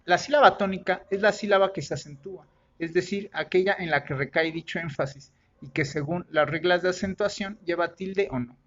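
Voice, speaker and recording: A man's voice: high-pitched, a bit bright, dull audio. A man teaching in a methodical, explanatory way, with occasional slips and self-corrections. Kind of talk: recorded lesson explanation.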